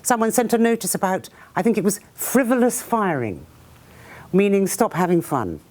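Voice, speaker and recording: Lively woman author reading aloud. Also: mid-range voice, moderate pace. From Britain. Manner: lively storyteller who acts out sounds and voices. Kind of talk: reading aloud then talking to an audience. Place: talk before a live audience.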